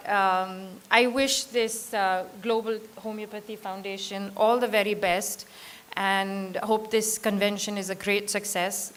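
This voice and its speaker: A woman's voice: medium pitch, fairly bright tone. A woman with an Indian accent and a very sore throat gives an informal, hesitant thank-you speech. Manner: hesitant, halting delivery with self-corrections. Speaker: guest speaker and singer. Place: auditorium at a convention. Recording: hissy, noisy live auditorium PA.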